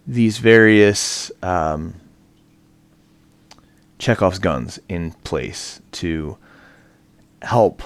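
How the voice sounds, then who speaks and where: A man's voice: low voice, gravelly, no room sound. A man teaching an online class from home, chatty and casual, with many fillers and restarts. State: out of breath. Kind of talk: recorded online lecture.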